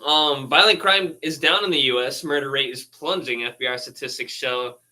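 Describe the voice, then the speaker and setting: A laid-back man riffing on news headlines in a rambling, casual way. His voice is bright and forward, and he swears freely and laughs between his asides. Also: mid-range voice, moderate pace, poor audio. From United States. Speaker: streamer reading news posts.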